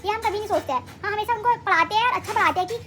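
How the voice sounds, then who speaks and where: Young woman, chatty home vlogger, very high voice, rattles on at speed. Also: rapid-fire, a bit bright, a little hiss or hum. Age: young adult. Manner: rambling, chatty, self-correcting. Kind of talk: casual home vlog chat. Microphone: handheld phone camera.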